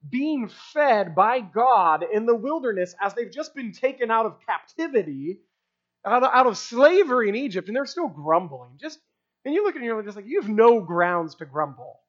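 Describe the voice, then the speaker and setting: Animated preacher on a dull, lo-fi recording. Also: mid-range voice, normal speed. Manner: animated, informal asides. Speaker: pastor. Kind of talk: conversational sermon with scripture reading.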